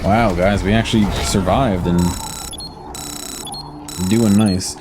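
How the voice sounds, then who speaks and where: Game music plays behind this American streamer, who has a slight lisp and fields viewer questions in a relaxed, filler-heavy way. His voice sits on the low side, with fairly even intonation, a slow pace, and some background noise.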